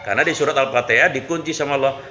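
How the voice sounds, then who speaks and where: A man's voice: medium pitch, very fast, sharp tone, slight background noise. A male Islamic preacher giving a casual, humorous sermon and asking his listeners questions. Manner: humorous, conversational, asks the audience questions.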